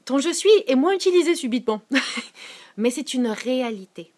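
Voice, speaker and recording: A lively woman with a Quebec French accent preaches at a normal pace in an informal live-stream sermon. She is animated but drops to soft, low tones for scripture, and she reads out viewers' comments and answers them.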